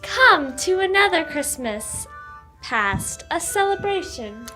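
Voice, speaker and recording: A woman playing a solemn, gently commanding ghost in a radio play, speaking in a measured, formal way. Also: very high voice, sing-song, heavily acted. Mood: solemn, gentle. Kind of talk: old-time radio play acting. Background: music.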